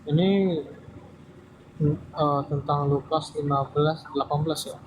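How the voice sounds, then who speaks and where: A man's voice: on the high side, monotone, a little hiss or hum, poor audio. Polite man calling in. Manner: polite, measured, hesitant. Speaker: caller in a live-stream debate.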